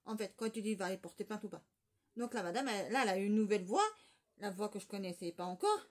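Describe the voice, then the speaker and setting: A woman's voice: mid-range voice, expressive, fast talker. A woman vlogger telling a rambling, gossipy story in casual chat, with lots of fillers and restarts.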